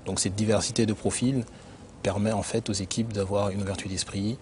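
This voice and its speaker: A man who grew up in Benin, an internal auditor answering interview questions in a measured, explanatory way with frequent hesitations. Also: fairly low pitch, flat delivery, darkish tone, slight background noise. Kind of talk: corporate career interview.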